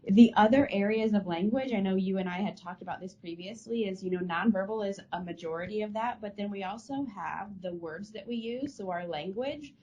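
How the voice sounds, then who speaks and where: A woman's voice: mid-range voice, mellow, highs cut off, slight background noise. A woman co-hosting a casual podcast, speaking thoughtfully with frequent restarts over a remote connection. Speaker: podcast co-host. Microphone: remote call mic.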